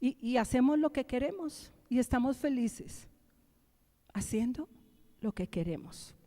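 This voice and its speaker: A woman pastor with a Bogotá Colombian accent, preaching animatedly and shifting from loud exclamations to hushed prayer in a church. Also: sits high, animated, unhurried. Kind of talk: sermon. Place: large church sanctuary. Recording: echoey church hall.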